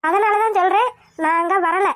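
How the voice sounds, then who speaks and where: A woman voicing a young pregnant wife in a cartoon, speaking in a gentle but firm, earnest way. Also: very high-pitched, normal speed, no echo, clean studio sound. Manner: earnest, calmly insistent. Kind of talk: cartoon voice acting.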